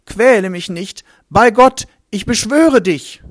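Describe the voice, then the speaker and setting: A man voicing a tormented, possessed madman who cries out in a shrill, pleading voice. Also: wildly swooping pitch, measured pace, a little mellow, dry recording. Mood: frantic.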